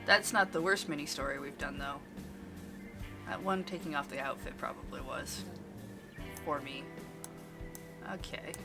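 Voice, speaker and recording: A woman's voice: sits low, a little slow, pauses often, over music. A woman streamer narrating a visual novel aloud, with blunt casual asides. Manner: expressive reading, blunt asides. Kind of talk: game narration and casual commentary.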